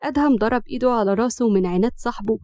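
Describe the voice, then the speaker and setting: A woman with an Egyptian accent narrating a romance story in a brisk storytelling manner. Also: on the high side, a little mellow, dry recording.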